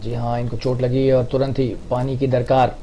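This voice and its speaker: A man giving live cricket match commentary, excitable and drawing out his exclamations on big shots. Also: medium pitch, fairly quick, slight background noise.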